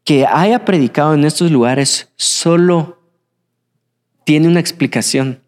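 A young man preaching a sermon, swinging between excited bursts and hushed, reflective passages. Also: a little high, a little slow. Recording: hall with long reverb.

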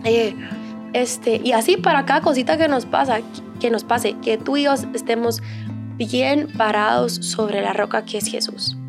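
A woman's voice: on the high side, measured pace, vocal fry, over music. Conversational woman pastor. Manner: warm conversational, many fillers and restarts. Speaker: pastor and podcast co-host.

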